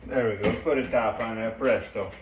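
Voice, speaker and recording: A man cooking at home in his kitchen, talking through a recipe in a chatty, halting way with playful mock-Italian phrasing. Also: lowish voice, roomy sound, dull audio, noisy background. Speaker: home cook. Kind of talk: casual cooking demonstration.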